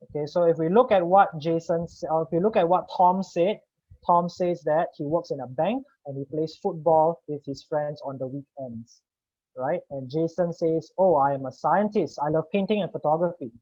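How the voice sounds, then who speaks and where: A man's voice: a little high, normal speed, dark tone, no room sound. Man coaching a webinar on a dull line. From Singapore. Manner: explanatory, addresses the audience with "right?". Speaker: communication coach presenting a webinar. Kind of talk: webinar presentation. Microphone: video call.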